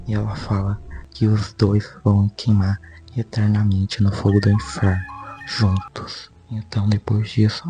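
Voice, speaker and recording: With a warm voice on the low side, a Brazilian-accented man hosts a video and narrates a story recap. He keeps it casual and chatty, leaning on repetitive phrasing.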